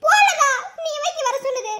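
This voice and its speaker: A woman with a Madurai Tamil accent voicing young village women in an animated family cartoon, scolding in quick slang. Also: very high-pitched. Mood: bickering.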